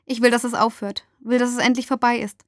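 A woman's voice: on the high side, little pitch movement, brisk, no room sound, clean studio sound. Woman reading a dramatic first-person story. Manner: dramatic, rising to shouts in dialogue. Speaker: narrator.

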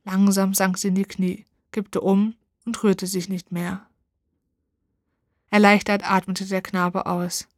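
A woman narrating a storybook in an expressive, dramatic reading. Her voice is mid-pitched and sounds dry and close, with no room around it. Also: takes it slowly, no echo.

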